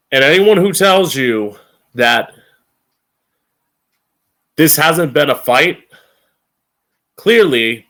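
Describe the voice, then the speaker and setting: A man's voice: fairly high pitch, a bit bright. A man with a campy drag queen manner hosting an informal opinion monologue, emphatic and opinionated, with plenty of swearing. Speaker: podcast host.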